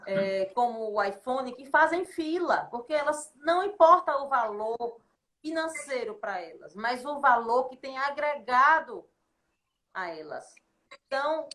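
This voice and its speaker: On a podcast, a woman appears as a consultant guest, laying out her points didactically and in list form using repeated phrases. Her voice is high with a fairly bright tone.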